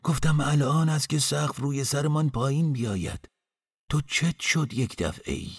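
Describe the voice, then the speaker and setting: A man voicing a loud, bullying, heavyset male innkeeper who scolds in a raised voice. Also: low-pitched, steady tone, gravelly, husky, long reverb tail, exaggerated voice. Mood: scolding.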